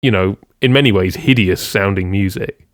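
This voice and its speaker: A man's voice: deep voice, moderate pace, no room sound, clean studio sound. A man co-hosting a casual music podcast, rambling with many ums and restarts. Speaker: podcast co-host.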